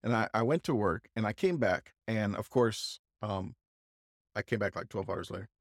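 A man co-hosting a podcast, telling a casual, halting anecdote full of restarts and asides. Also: fairly low pitch, no echo, clean studio sound. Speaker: podcast co-host. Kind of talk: casual storytelling chat.

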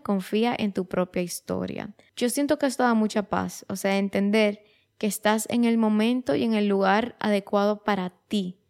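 A young woman in her early twenties hosts her own show in a relaxed, reflective monologue. She talks in a chatty way, restarts her sentences and slips English words into her talk. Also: mid-range voice. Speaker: podcast host.

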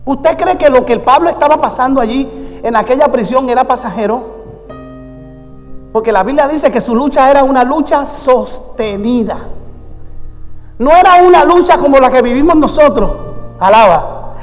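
A man, a pastor preaching a sermon full of storytelling that rises into fervent, shouted exhortation. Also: very high-pitched, expressive, moderate pace, long pauses, faint music behind. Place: church sanctuary. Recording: long church reverb.

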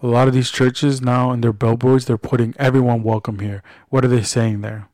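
A man's voice: mid-range voice, flat delivery, fairly quick, a little mellow, dry recording, studio quality. A man speaking bluntly and earnestly in a casual religious discussion, in colloquial language. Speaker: podcast co-host.

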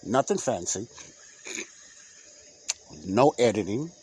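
Poor audio captures a lowish, dark, slightly rough male voice that's slow but lively in intonation. He's the host of an unedited solo podcast on a home mic, speaking off the cuff. He rambles with heavy fillers and repeats, his nose congested.

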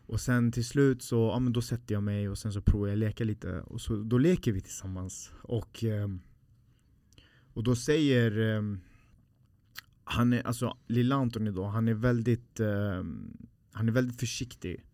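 A man's voice: fairly low pitch, mellow, no room sound. A man, a podcast guest telling a personal story in a heartfelt, rambling way with many fillers.

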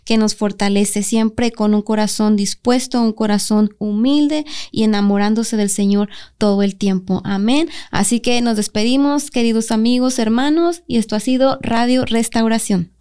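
A woman's voice: a little high, moderate pace, hardly any pauses, warm tone, smooth. A woman hosting a church radio program who thanks her guest and encourages the listeners. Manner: affirming, encouraging.

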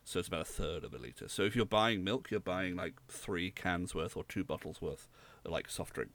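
A man's voice: low-pitched, moderate pace, fairly bright tone. A young man from rural England, co-hosting a podcast in casual, rambling chat. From Southwest England. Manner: rambling, hesitant, explains at length. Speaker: podcast co-host.

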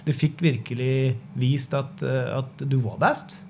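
A man's voice: medium pitch, steady tone, gravelly, a little mellow, slight background noise. A man with a Norwegian accent hosting a podcast, talking in a casual, storytelling way. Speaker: podcast host. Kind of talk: casual conversation.

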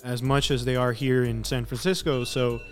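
A young rapper from Sacramento, guesting on a podcast, chats in a laid-back way and says "you know" constantly. His voice is medium-pitched with little pitch movement, at a normal speed. Music plays in the background.

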